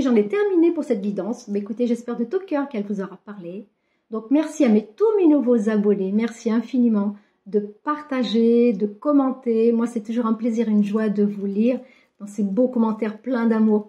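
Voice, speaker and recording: A woman with a fairly high, mellow voice talks her viewers through a card reading. She sounds affectionate and encouraging, and peppers her talk with small fillers. The recording sounds dull and lo-fi. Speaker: card reader giving a weekly guidance. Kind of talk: casual spiritual guidance to viewers.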